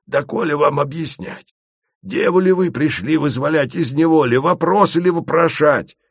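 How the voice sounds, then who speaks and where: Guy doing a jumpy guide talking old folk-tale speech, kinda high and thin. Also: lively intonation, measured pace, vocal fry, husky, no room sound, studio quality, full character voice. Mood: annoyed. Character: timid archaic-speaking male guide.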